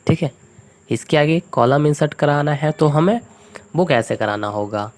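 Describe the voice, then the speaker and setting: A man's voice: on the high side, expressive, normal speed, darkish tone. A man teaching a spreadsheet lesson over a screen recording. He explains each step patiently, checking in often with his listeners. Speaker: computer tutor. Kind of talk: screen-recorded software tutorial.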